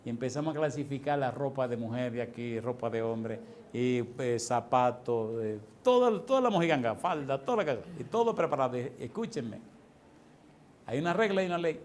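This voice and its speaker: A middle-aged male pastor, telling stories in a lively, animated sermon full of exclamations and chuckles. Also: medium pitch, normal speed, a little hiss or hum. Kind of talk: storytelling sermon.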